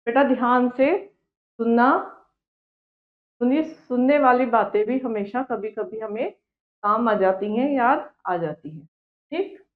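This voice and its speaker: A woman teaching a grammar lesson to children, asking questions and then answering them herself. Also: fairly high pitch. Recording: echoey tinny phone-like recording.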